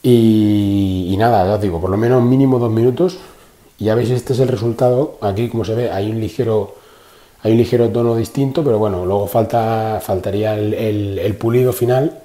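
In a reverberant indoor garage, a car channel host records a casual how-to on a phone in one hand. His lowish, dark voice stays steady at a moderate pace, and he's chatty, often repeating himself and filling gaps with fillers.

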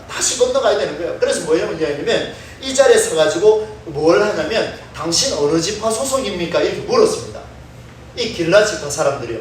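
A man preaching a midweek sermon as pastor, animated and asking the congregation to count and repeat words aloud with him. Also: sits high, slight background noise. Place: large church sanctuary. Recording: echoey hall from far off.

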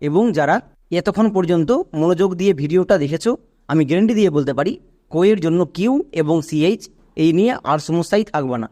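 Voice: medium pitch, fast talker, mellow, no echo. A Bengali-speaking teacher giving an online English pronunciation lesson, spelling words out letter by letter and quizzing viewers with questions.

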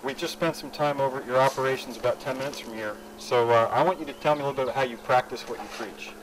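A man's voice: medium pitch, rapid-fire. Middle-aged man interviewing a guest outdoors, a bit far from the mic, faint hiss. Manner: friendly, inquisitive. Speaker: interviewer, technical director. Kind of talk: on-site interview. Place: outdoors at a recycling yard.

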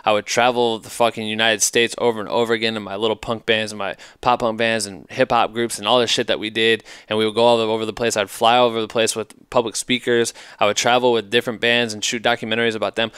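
Thirties male podcast host, emphatic swearing monologue, lowish smooth voice, close dry headset sound. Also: flat delivery, quick pace, few pauses, fairly bright tone, dry recording. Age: 30s. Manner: profane, emphatic, rambling. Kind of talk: casual advice monologue. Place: hotel room at night, indoors. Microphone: headset mic.

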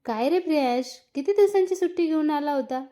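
A woman voicing a gentle, caring middle-aged mother in a read-aloud story. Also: high voice, expressive, a little fast, pitched above the performer's own voice.

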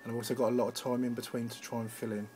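An amateur radio operator, male, runs through an informal and somewhat hesitant live demonstration at an indoor radio station desk, filmed on a handheld phone. His mid-range voice is a little mellow, barely shifts in pitch, and moves very fast over a slight hiss or hum.

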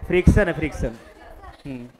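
A man's voice: on the high side, a little fast, darkish tone, a faint crowd. A male physics teacher lecturing a class of students, mixing Hindi and English, dictating notes and quizzing them with questions. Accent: Hindi-English mixed, Jharkhand region.

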